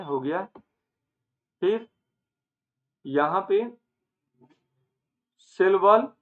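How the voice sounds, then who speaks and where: A man teaching an online lecture, asking questions and answering them himself, with English terms mixed in and some phrases drawn out slowly. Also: on the high side. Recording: phone-like narrow band.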